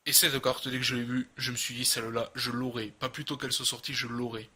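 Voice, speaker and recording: A man with a southern French accent giving casual unboxing commentary as a video host, speaking haltingly and often repeating his words. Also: medium pitch, little pitch movement, sharp tone, slightly rough.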